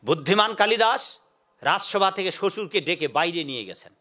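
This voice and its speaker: A male preacher delivers a devotional sermon. His voice sits high and rings brightly as he tells a folk tale with lively, animated delivery. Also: a little fast. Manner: animated, acts out story voices.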